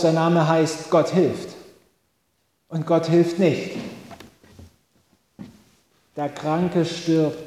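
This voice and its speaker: A man, as pastor, preaching a reflective sermon with long pauses. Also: a little high, a little mellow, roomy sound, big-room sound.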